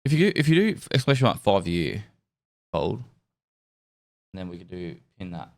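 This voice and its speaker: A man with a cold-stuffed nose chats casually on a live stream, rambling in a relaxed way as he thanks subscribers. His voice is deep and he talks at a normal speed.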